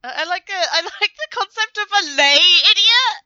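A Canadian woman co-hosting a podcast in casual, joking banter, animated and swearing freely. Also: very high voice, normal speed, no room sound, highs cut off. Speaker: podcast co-host.

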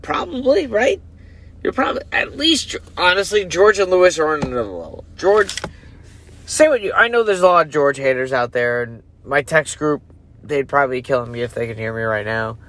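A man's voice: medium pitch, expressive, brisk, a bit bright, a little hiss or hum. A sleepy, yawning man ranting casually as a podcast host, rambling and losing his focus. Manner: rambling, loses focus, self-interrupting. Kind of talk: casual rant.

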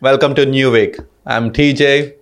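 A man's voice: medium pitch, steady tone, unhurried. A man hosting a casual podcast, laughing often between his lines. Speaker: podcast host.

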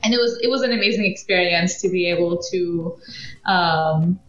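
A woman's voice: fairly low pitch, moderate pace, fairly bright tone. Woman, 30s, from Belgium, hesitant podcast guest; echoey, dull sound. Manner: hesitant, many fillers and restarts. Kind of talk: casual interview. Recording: echoey, muffled podcast audio.

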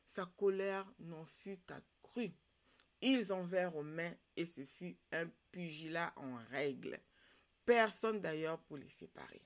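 A woman narrating a traditional folktale in a measured, deliberate way as a podcast host. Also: fairly low pitch.

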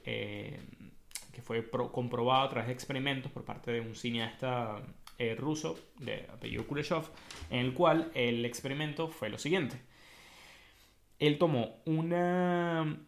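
A man with a Venezuelan accent hosting a casual explanatory monologue, telling it in a colloquial, animated way with slang. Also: mid-range voice, gravelly. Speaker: host.

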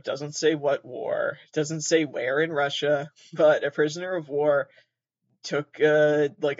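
With a nasal voice on the high side, a man hosts a podcast, wandering through casual talk, cursing freely and chuckling at his own expense. There's no room sound, and the high frequencies are cut off.

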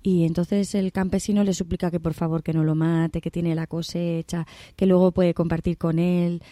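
A woman with a Peninsular Spanish accent retells a folk tale in a chatty, lively way. Her voice is dark and mellow, a bit on the low side. It is recorded close and dry. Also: moderate pace, no room sound. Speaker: guest commentator. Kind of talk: casual storytelling.

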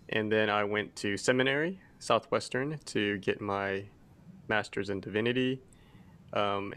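A young man from Texas co-hosting a casual podcast. He speaks in a slightly low voice. He pauses often and fills the gaps with ums. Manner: relaxed, hesitant with many ums. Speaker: pastor and podcast co-host. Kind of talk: casual chat.

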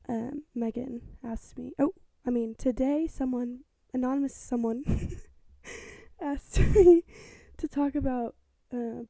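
Soft-spoken young woman with vocal fry. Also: on the high side, dry recording. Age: 20s. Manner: rambling and hesitant, heavy use of filler words; talking quietly and self-consciously. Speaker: podcast host. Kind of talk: casual solo podcast monologue. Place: her bedroom, sitting in bed. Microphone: small mic with a fluffy windscreen.

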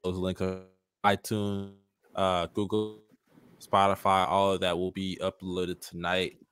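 A man's voice: low-pitched, monotone, unhurried, a bit bright, clear, resonant tone, dry recording. A man hosting a casual podcast stream, talking in slangy frat-guy banter full of bros. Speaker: podcast host. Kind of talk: casual chat on a sports and anime stream.

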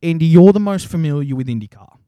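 A man's voice: fairly high pitch, animated, quick pace, dark tone, no echo, highs cut off. A man with an Australian accent chatting casually and jokingly as a podcast co-host, using plenty of slang. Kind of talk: casual chat.

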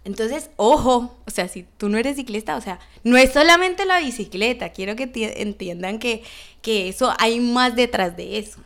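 A young woman with a fairly high voice tells a personal story straight to her viewers. She keeps it casual and animated, and she slips into the voices of the other people in her story as she goes. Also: moderate pace. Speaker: vlogger.

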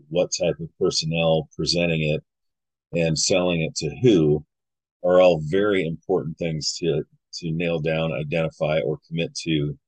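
A man hosting a podcast, telling rambling, animated anecdotes in a casual chat with many fillers. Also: very deep voice, slightly rough, no echo, poor audio. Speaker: podcast host. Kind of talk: casual conversational storytelling.

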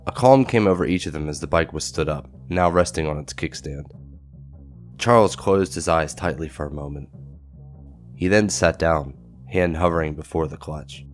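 A man's voice: extremely low pitch, moderate pace, faint music behind. A man narrating a scripted audio drama in a dramatic storytelling style.

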